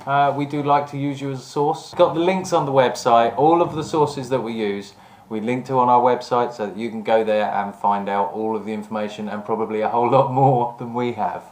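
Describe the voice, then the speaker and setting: A man's voice: mid-range voice, steady tone, fairly quick, hardly any pauses, a little mellow. A man hosting a casual, rambling, jokey chat about vintage events. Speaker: host. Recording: roomy, echoing room sound.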